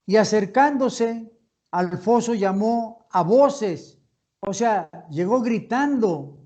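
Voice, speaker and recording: A man leading a youth Bible study, reading verses aloud and then rephrasing them in measured explanations, on a dull lo-fi recording. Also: high-pitched, a little mellow.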